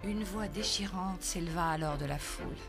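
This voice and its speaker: A woman narrating a children's story in a measured, dramatic way. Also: fairly low pitch. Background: music.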